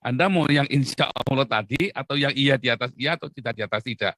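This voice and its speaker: A man's voice: medium pitch, normal speed, a bit bright, dry recording. Male preacher, playful and chatty, acts out voices, recorded dry. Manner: jokey, acts out dialogues, laughs often. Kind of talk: humorous sermon.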